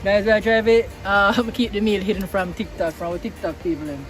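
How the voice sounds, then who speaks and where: A man's voice: high voice, fairly even intonation, a little fast, a bit bright, faint music behind. A man with a Jamaican accent chatting and telling stories casually in informal patois phrasing outdoors. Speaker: vlog co-host. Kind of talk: casual chat and storytelling. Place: outdoors by a river.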